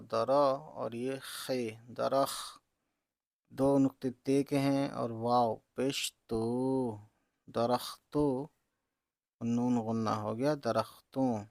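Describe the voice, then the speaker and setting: Male reading teacher, gravelly and unhurried, dry close sound; sounds out each letter patiently. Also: mid-range voice, darkish tone, no echo. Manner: spells out letters and vowel marks slowly, says "theek hai" often. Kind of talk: slow letter-by-letter reading lesson.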